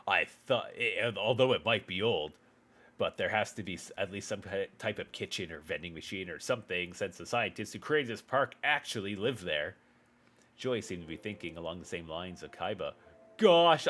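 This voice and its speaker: Lively low-voiced man mocking fan fiction. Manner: mocking, joking asides, laughs often. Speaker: streamer. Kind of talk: reading fan fiction aloud on a live stream.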